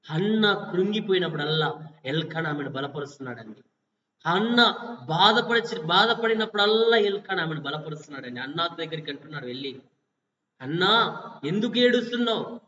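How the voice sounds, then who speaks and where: A man preaching a fasting-prayer sermon, firing repetitive rhetorical questions at listeners and swinging between loud exhortation and quiet passages. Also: on the high side, lively intonation. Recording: distant, echoey, dull lo-fi.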